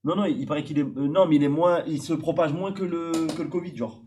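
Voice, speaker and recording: With a fairly high, slightly mellow voice and a fairly quick delivery, a French stream guest chats casually against slight background noise. He's older than his host and explains things at length with many hesitations.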